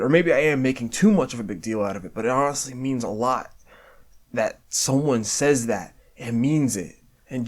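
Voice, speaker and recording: A man's voice: medium pitch, fairly bright tone. A man giving a candid year-end reflection, stammering and restarting often, swearing casually, earnest and self-deprecating. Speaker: video creator.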